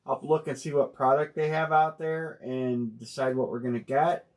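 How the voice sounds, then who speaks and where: A man hosting a live sports card break stream, talking casually and thinking out loud with plenty of fillers and restarts. He speaks bluntly and uses slang. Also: mid-range voice, fairly even intonation, moderate pace. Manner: rambling, thinking aloud with many fillers and restarts.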